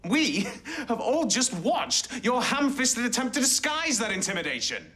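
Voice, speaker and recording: An actor playing a relentless, accusing male prosecuting barrister in a TV soap, with measured, pointed rhetorical questions. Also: extremely high pitch, very animated, a bit bright, exaggerated voice. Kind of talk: TV soap courtroom acting.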